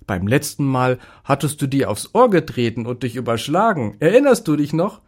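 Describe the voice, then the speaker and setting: A man voicing a kindly, cheerful male vet in a storybook, speaking in a friendly, drawn-out way. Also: mid-range voice, very animated.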